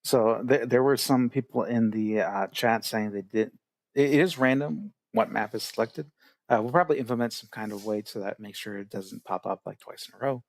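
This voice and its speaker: A man's voice: lowish voice, normal speed. A man casting an online strategy game tournament, explaining rules with many fillers. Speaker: tournament organizer and caster. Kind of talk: casual game commentary.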